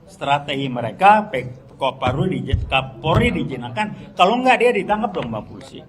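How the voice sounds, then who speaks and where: An older man gives a fiery public speech, blunt, slangy and combative, with sharp bursts of emphasis. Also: a little high, very animated, normal speed. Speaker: speaker at a public gathering. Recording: speech with crowd noise behind. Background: crowd noise.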